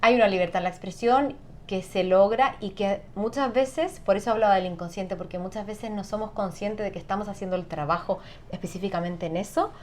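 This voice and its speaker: A woman guest on an interview, explaining calmly and often adding tag questions. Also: mid-range voice, fairly quick, a little hiss or hum. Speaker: sound therapist guest. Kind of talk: conversational interview.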